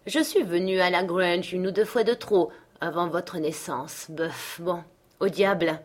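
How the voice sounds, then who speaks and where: A woman's voice: lowish voice, measured pace. A woman reading as a sardonic, bitter older man. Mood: curt. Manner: curt and sardonic. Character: bitter scornful middle-aged man, gruff landlord. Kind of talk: audiobook character reading.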